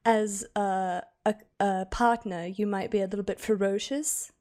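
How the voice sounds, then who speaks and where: A woman's voice: medium pitch, steady tone, measured pace, darkish tone. Hesitant woman full of ums. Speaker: improv contestant. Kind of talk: improv character answer.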